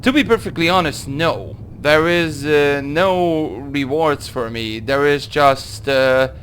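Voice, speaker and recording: A young man from Hungary with a Hungarian accent, answering viewer questions in a casual gaming Q&A, halting through his English with many fillers. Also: fairly high pitch, a bit bright, slight background noise. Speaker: gaming video creator. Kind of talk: casual Q&A monologue.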